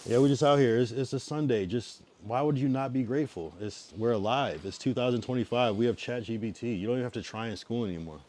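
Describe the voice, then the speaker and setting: At medium pitch, this man talks fast with few pauses while chatting casually on a livestream. He's in his thirties, from Massachusetts and Connecticut on the US East Coast, and his laid-back delivery wavers between loud and mumbled.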